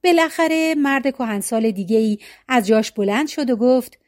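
A woman storyteller narrating folk tales aloud, in an expressive read-aloud way, close to the mic. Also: fairly high pitch, no room sound.

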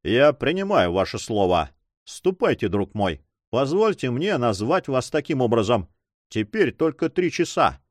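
A man's voice: mid-range voice, sing-song, a little slow, no echo, clean studio sound. A man voicing a stern, commanding but magnanimous older nobleman, speaking solemnly in an audiobook.

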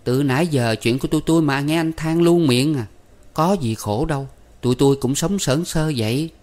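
A man's voice: fairly high pitch, moderate pace, darkish tone, pitched above the performer's own voice, close to an everyday voice. A man voicing Ba, a frank and streetwise young woman who speaks in a teasing, offhand way.

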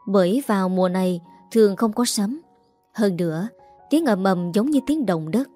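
A woman narrating a scripted sad story in a steady, somber way. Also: mid-range voice, normal speed, faint music behind.

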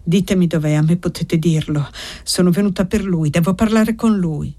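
A woman's voice: lowish voice, normal speed, dark tone, natural voice. A woman reading the part of a young, frantic foundling woman who pleads with breathless urgency in an audiobook. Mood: desperate. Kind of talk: audiobook character voice.

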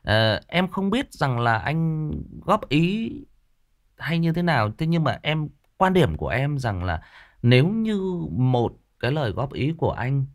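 Northern Vietnamese male narrator, unscripted rebuttal, animated pitch, stumbling restarts. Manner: defensive, repetitive, with many fillers and restarts. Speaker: audiobook narrator answering a listener. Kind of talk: unscripted direct address to a commenter.

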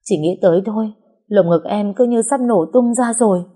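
A woman's voice: mid-range voice, normal speed, dark tone, voice pushed up, lightly acted. A woman voicing a young woman who pleads tearfully and stands up to her father. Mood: sobbing. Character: young woman, desperate and defiant lover.

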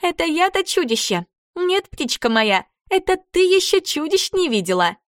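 A woman's voice: very high-pitched, sing-song, normal speed, no echo, clean studio sound, voice pushed up. A woman voicing a spiteful ghoul girl ghost with a mocking, cackling manner.

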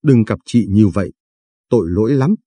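A man voicing a shy, flustered young woman in her twenties in an audio story, scolding her brother, with a dark, husky voice. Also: on the low side, lively intonation, normal speed, dry recording.

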